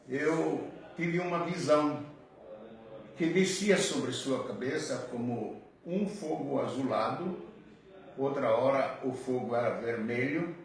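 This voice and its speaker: An older man, a pastor, telling his personal testimony in a slow, earnest way. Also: mid-range voice, a little hiss or hum. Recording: very echoey, distant mic.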